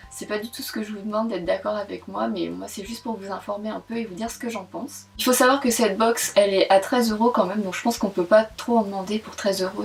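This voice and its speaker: A woman's voice: medium pitch, far from the mic. A young woman chatting candidly through a beauty box review in a casual vlog. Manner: chatty and candid, frequent "franchement" and "super".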